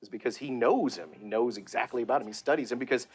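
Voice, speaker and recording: A man, a voice actor, talking in a casual interview in an animated way, often laughing. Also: mid-range voice, fast. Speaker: voice actor guest.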